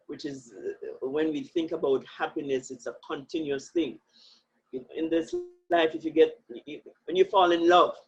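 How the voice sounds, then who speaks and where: A woman's voice: low voice, slightly rough. A woman speaking as a guest in an interview, talking earnestly and with emphasis, often breaking into laughter. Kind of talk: reflective interview talk. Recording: muffled lo-fi audio.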